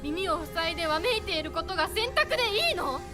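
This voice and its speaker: Game role: desperate, fierce teen girl, very high, wide-swinging delivery, impassioned, over music. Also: expressive, rapid-fire. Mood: stern, challenging. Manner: impassioned, demanding, voice breaking into cries. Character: desperate, fierce teenage girl challenging her other self. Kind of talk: dramatic game cutscene voice acting. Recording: game audio with loud music.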